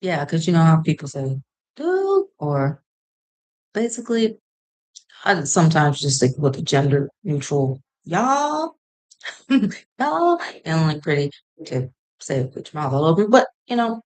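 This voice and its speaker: A low-voiced young woman chats to her camera in a loose, rambling way. She gives advice as if talking to a close friend. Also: a little mellow, poor audio. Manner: chatty, rambling, shifts into playful voices. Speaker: vlogger. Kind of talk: casual advice chat to camera.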